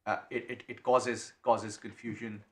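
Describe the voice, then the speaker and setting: A man making a legal submission to appeal judges, halting and restarting often as he speaks. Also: on the low side, little pitch movement. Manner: halting, many restarts and repeated words. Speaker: barrister. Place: courtroom. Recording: echoey courtroom, faint noise.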